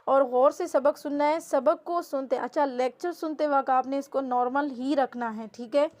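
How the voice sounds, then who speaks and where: Brief: female Quran teacher with a Pakistani Urdu accent, high and level voice, drawn-out spelling drills. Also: steady tone, a little mellow. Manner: slow drawn-out syllables, brisk asides.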